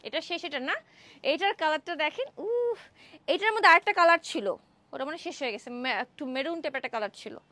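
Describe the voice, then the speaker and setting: A young woman from Bangladesh hosting a live-stream clothing sale, chatty and excited, exclaiming over dresses in an indoor showroom. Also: high voice, fast talker, no echo. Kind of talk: Facebook live sales pitch.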